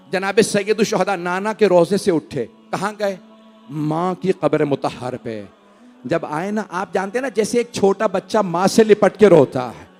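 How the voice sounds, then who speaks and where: A man delivering a Muharram majlis sermon, swinging from loud wailing cries to hushed, sobbing recitation. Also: high-pitched. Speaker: religious orator reciting a majlis.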